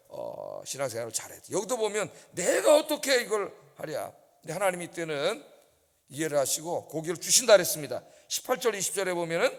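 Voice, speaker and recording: A male pastor with a high, lively voice that rises and falls widely as he preaches. He keeps throwing rhetorical questions at the congregation. His voice carries a long reverb from the church sanctuary. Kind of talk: dawn service sermon.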